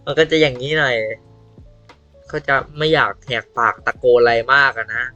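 A man commentating a horror game in a deliberately low, spooky put-on voice while feeling unwell and coughing. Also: fairly even intonation, bright, forceful tone, highs cut off, faint music behind. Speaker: game streamer. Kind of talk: casual horror gameplay commentary.

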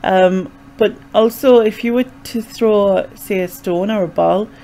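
A young woman vlogs from her small bedroom with a medium-pitched, dark-toned voice, fairly even intonation and a measured pace. She has a Sunderland Mackem accent, being from North East England, and chats casually and hesitantly, rambling as she explains things. The desk microphone, with a pop filter, sits close.

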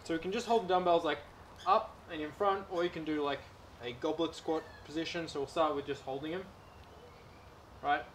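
A man's voice: fairly high pitch, brisk, slight background noise. Man coaching home leg exercises outdoors. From Australia. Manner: relaxed, coaching while doing reps. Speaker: personal trainer. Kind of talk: exercise demonstration.

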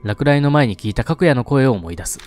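A man's voice: medium pitch, lively intonation, brisk, darkish tone, soft background music. A man narrating a horror game's story aloud with chatty asides. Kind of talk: reading aloud with casual asides.

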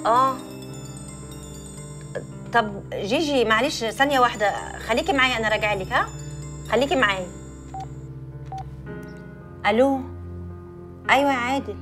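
A woman's voice: fairly high pitch, normal speed, pauses often, music in the background, lightly acted. An actress playing a young woman's loyal, level-headed best friend, speaking with an Egyptian Arabic accent in a teasing, soothing, placating way. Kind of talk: film drama acting. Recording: faint film score behind.

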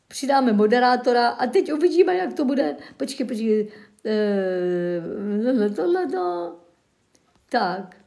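High-voiced woman, mock-tearful livestream. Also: vocal fry, darkish tone. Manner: mock-tearful, sarcastic, melodramatic sighing. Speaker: livestreamer reading local news and chat. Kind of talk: casual livestream chat.

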